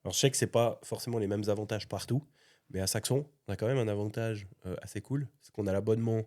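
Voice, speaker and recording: A man's voice: fairly low pitch, fast talker, darkish tone. A man from Valais hosting a casual, teasing chat about a game library and laughing often. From Valais, Switzerland. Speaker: host.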